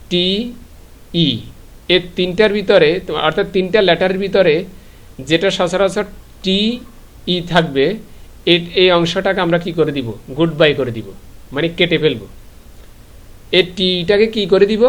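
Bangladeshi man teaching grammar, self-answering. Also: sits high. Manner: asks questions and answers them himself. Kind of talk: live online grammar lesson.

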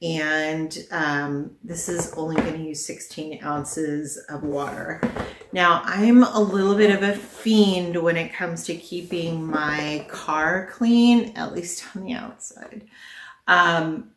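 A middle-aged woman vlogger presents a product haul, chatting casually to the camera in the small living room of her home and thinking aloud as she reviews each item. Her voice is deep and she takes her time. The recording is echoey, with a noisy background.

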